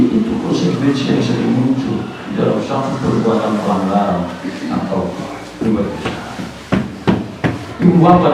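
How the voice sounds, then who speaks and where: A man's voice: medium pitch, background noise. Echoey distant preacher man. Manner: preaching with rising emphasis, slows on key words; mixes in English phrases. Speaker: pastor. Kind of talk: sermon. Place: church sanctuary.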